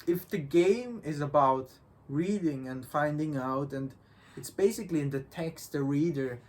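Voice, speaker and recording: A visual novel reviewer joins a casual discussion, speaking hesitantly and ramblingly with non-native English phrasing. His fairly high voice has a darkish tone and a measured pace.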